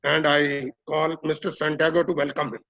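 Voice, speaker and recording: A man's voice: fairly high pitch, level tone, normal speed, a bit bright. A man formally introducing a lecturer as moderator of an online session. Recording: dull lo-fi online call.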